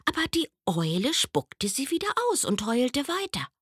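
A woman reading a children's story aloud with expressive, lively storytelling. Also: fairly high pitch, moderate pace, breathy edge, no echo, clean studio sound.

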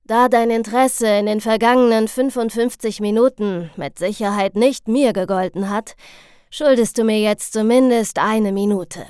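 A woman's voice: a little high, moderate pace, darkish tone, clean tone, dry recording, studio quality, natural voice. A woman voicing a stern, dryly sarcastic male chemistry teacher with a firm, lightly mocking manner.

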